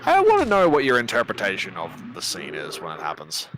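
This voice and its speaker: A man's voice: fairly low pitch, wildly swooping pitch, brisk, a bit bright, slight background noise, low-quality recording. A man casually explaining a horror game's story and symbolism to a player on a live stream, talkative and full of fillers.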